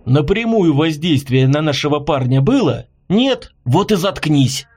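A man voicing a wry, calm winged male angel with a smirking manner. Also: fairly high pitch, unhurried, slightly rough, exaggerated voice.

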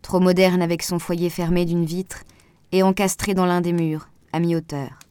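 Low, mellow-voiced woman narrating a novel. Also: level tone, moderate pace, clear, resonant tone, dry recording. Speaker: audiobook narrator. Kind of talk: scripted narration.

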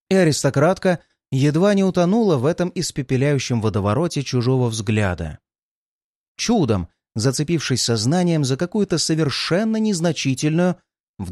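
A man narrating a dark fantasy audiobook in a measured, dramatic reading. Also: medium pitch, no echo, clean studio sound.

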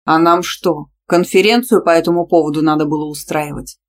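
A woman's voice: fairly even intonation, fairly quick, natural voice. Domineering young man, curt and menacing, read by a woman narrator. Audiobook. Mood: stern. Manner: curt, low and threatening. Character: possessive, domineering young male gym teacher.

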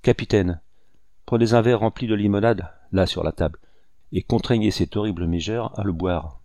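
A man's voice: on the low side, moderate pace, darkish tone, dry recording, clean studio sound, natural voice. A man reading an audiobook, voicing a fierce old hunter who gives harsh, threatening commands. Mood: menacing. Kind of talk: audiobook character voice.

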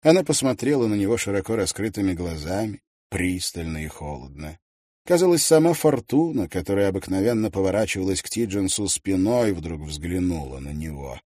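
Male audiobook narrator: low, husky, expressive, dry close studio sound. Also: brisk, no room sound. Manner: expressive, varied delivery.

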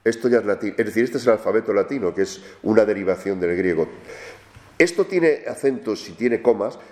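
A man from lectures to a room of students, his voice sitting on the low side. He explains things patiently and keeps checking in with his listeners through questioning tags. The recording carries the noticeable echo of a lecture room. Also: expressive, a little fast, darkish tone. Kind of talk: classroom lecture.

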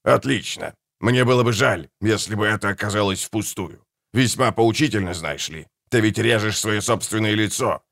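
A man's voice: lowish voice, normal speed, vocal fry, a bit bright. A man reading an audiobook voices a cold, condescending middle-aged writer arguing with his daughter. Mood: cold, sarcastic. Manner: icy, condescending sarcasm.

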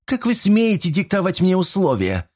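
A man voicing a polite young woman who grows sharp and indignant, in a storybook reading. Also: mid-range voice, animated, normal speed, close to an everyday voice. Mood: indignant, furious.

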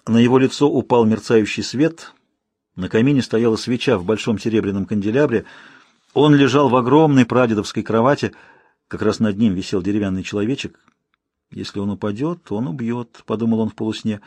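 A male audiobook narrator with a husky voice and a measured, steady delivery. The recording is dry and close, with no room sound. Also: fairly low pitch, dry recording. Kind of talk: scripted narration.

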